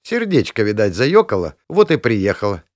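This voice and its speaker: A man reading an audiobook, voicing a brash, nosy young woman who talks loudly and teases. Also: on the low side, wildly swooping pitch, normal speed, dry recording, studio quality. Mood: teasing. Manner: teasing, jealous, loud. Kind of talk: audiobook character voice.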